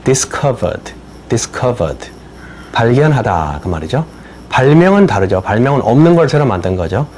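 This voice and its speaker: An older man, an attorney and native Korean speaker, giving a slow explanatory lecture on citizenship English and spelling words out letter by letter. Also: medium pitch, sing-song, a little mellow, slight background noise. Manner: spells words letter by letter, repeats phrases slowly.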